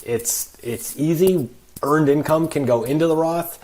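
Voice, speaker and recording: A man's voice: fairly high pitch, measured pace, darkish tone. A man talking as a financial advisor guest on a podcast, explaining with emphatic worked examples. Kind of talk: podcast conversation.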